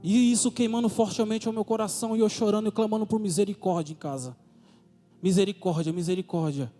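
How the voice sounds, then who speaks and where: A man's voice: high-pitched, quick pace, mellow. A man with a Brazilian accent preaching a testimony sermon, full of fervent repeated rhetorical questions. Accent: Brazilian Portuguese. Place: church. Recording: reverberant church hall with music.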